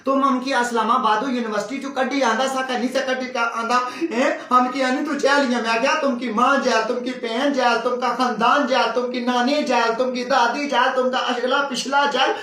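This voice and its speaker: A man putting on a shrill, ranting village woman. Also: steady tone, normal speed, few pauses. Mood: aggrieved ranting. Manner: ranting, shouting, aggrieved. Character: loud, quarrelsome village woman, a sister-in-law tired of housework. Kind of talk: comic sketch. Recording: roomy and distant.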